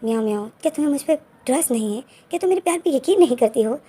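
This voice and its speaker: A woman voicing a calm teasing young groom. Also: sits high, racing, slightly rough. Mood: reassuring.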